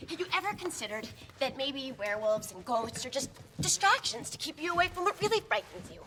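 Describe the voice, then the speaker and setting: A woman's voice: high voice, big pitch swings, brisk, noisy background. A woman playing an earnest, brainy, insecure young sleuth in a cartoonish comedy film, speaking in a precise, bookish way. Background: film music.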